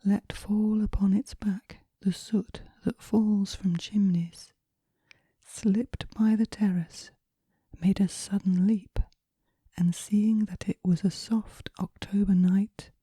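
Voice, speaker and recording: A woman reads poetry for relaxation in a hushed, breathy whisper, her mid-range voice extremely soft and dark. She delivers it gently and without hurry, with very little rise and fall. The recording is close and dry.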